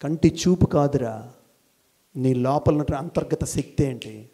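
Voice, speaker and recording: A middle-aged man from India, a school principal, giving an animated motivational talk to college students, firing rhetorical questions and repeating key phrases for emphasis. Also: mid-range voice, measured pace. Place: college gathering, addressing students.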